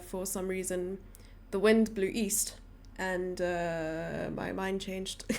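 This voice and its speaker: A woman's voice: mid-range voice, darkish tone. A young woman streaming, chatting casually and teasing her viewers as she reads their messages aloud. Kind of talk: casual live-stream chat.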